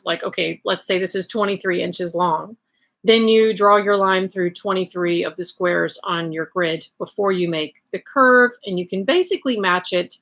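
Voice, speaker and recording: A woman with a Southern US accent and a creaky voice hosts a casual livestream, explaining things in a chatty way with rambling asides. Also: mid-range voice, fairly bright tone. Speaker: livestream host sharing sewing resources. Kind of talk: casual explanatory chat to camera. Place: indoors at home, in bed in a bedroom.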